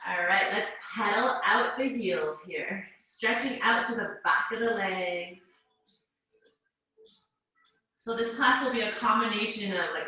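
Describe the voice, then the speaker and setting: A woman's voice: fairly high pitch, pushed and bright. A Canadian woman leading a mom and baby workout class over a video call, giving chatty, encouraging cues. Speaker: fitness instructor. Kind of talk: live virtual workout class cueing. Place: home workout space. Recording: very echoey room.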